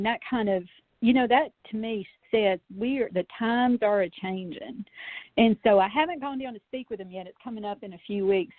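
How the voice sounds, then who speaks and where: A woman guest who researches UFOs, telling anecdotes in a chatty, animated way full of fillers. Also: medium pitch, dry recording. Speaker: podcast guest, UFO researcher. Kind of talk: casual storytelling in a call-in interview. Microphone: phone. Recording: tinny, dry phone line.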